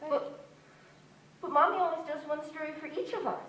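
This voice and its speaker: A woman's voice: high-pitched, normal speed, noisy background, lightly acted. A young woman playing an eager little girl. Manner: excited, insistent childlike. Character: eager little girl who loves princesses. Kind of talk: school stage play. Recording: echoey stage from far off.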